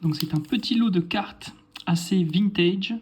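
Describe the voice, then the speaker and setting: Guy showing off a card haul, mellow relaxed voice, chatty, keeps correcting himself. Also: high-pitched, a little slow, slightly rough. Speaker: card collector showing a purchase. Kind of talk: casual unboxing video.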